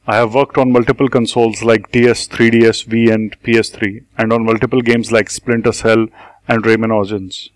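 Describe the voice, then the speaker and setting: A man's voice: lowish voice, flat delivery, a little fast, no echo. A man from India with an Indian accent, a game tester guest reading prepared interview answers formally. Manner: formal, read-aloud.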